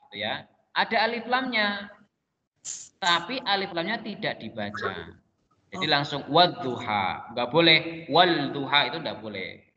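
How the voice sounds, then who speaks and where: A man teaching a Quran and Arabic class online, patiently explaining step by step and drawing out the examples slowly. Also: on the high side, sharp tone. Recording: dull lo-fi sound with long reverb and faint noise.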